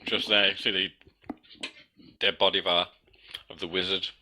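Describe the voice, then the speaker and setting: A man's voice: low voice, flat delivery, moderate pace, sharp tone, slight background noise, rough recording. A man playing a tabletop game, talking through plans casually with the group. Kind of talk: casual game planning talk.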